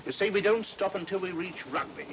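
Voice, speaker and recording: Man as plodding police inspector, vintage film: officious, highish lively voice, clearly noisy soundtrack. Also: a little fast, natural voice. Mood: puzzled, businesslike. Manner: officious, questioning. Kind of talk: 1940s mystery film acting. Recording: noisy old film soundtrack, train rumble.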